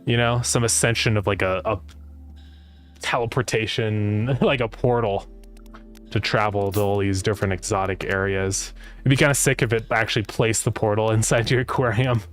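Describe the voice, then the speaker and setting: A man's voice: on the low side, fairly even intonation, normal speed. Man with retainer-slurred speech, music behind. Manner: rambling, thinking aloud. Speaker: game developer livestreamer. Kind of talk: casual livestream chat.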